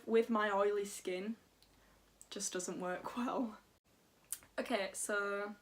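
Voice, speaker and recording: A teenage girl, chatting excitedly and giggling as she unboxes beauty samples for her vlog. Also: mid-range voice. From England, North Yorkshire. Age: teens. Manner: bubbly, gushing, giggly. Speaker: beauty vlogger. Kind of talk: casual unboxing chat.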